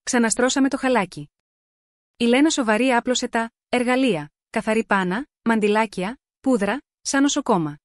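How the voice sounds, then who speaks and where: A woman reading a first-person story aloud as scripted narration, measured and even. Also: on the high side, dry recording, clean studio sound.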